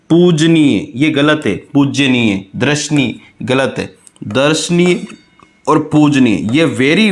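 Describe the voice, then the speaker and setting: A man teaching an exam-prep Hindi spelling lesson, spelling each word slowly and calling his students "bhai". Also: medium pitch. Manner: explains slowly, repeating words, addresses students as "bhai".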